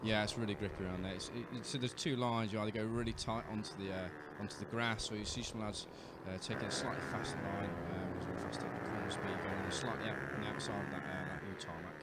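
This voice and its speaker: A man with a British accent, a rider working as co-commentator, explaining racing in a relaxed way with many fillers. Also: lowish voice, fast talker, few pauses, heavy background noise. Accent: British English. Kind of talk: live race commentary. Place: outdoors at a racetrack.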